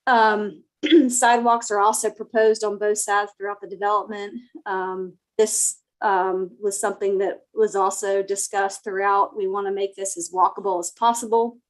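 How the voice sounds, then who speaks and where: The audio is poor as a slightly sick project planner presents formally to a town board over a video call on her computer mic. Soft-spoken and flat, her mid-range voice moves at a moderate pace and is full of fillers.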